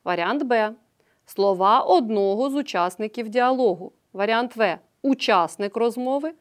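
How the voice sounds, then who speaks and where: This is a woman teacher leading a remote grammar lesson. Her voice sits a little high, and she works through examples patiently, one step at a time, pausing to confirm each point with the class. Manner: patient, explaining step by step with frequent "так".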